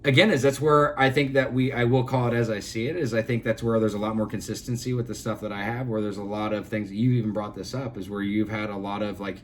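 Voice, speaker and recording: A man's voice: fairly low pitch, fairly even intonation, quick pace, hardly any pauses, a little hiss or hum. A man co-hosting a casual podcast chat, talking earnestly and rambling with many fillers and restarts. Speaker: podcast co-host.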